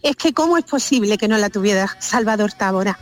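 A woman's voice: medium pitch, animated, brisk. A woman with a strong Sevillian accent talking on a radio panel, emphatic and given to repeated rhetorical questions. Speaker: radio commentator.

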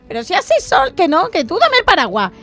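A woman doing a shrieking excitable old mother-in-law. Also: extremely high pitch, fairly quick, voice pushed up, full character voice. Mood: giddy. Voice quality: shrieking, squealing exclamations. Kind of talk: comedic radio sketch. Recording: hall reverb, faint music.

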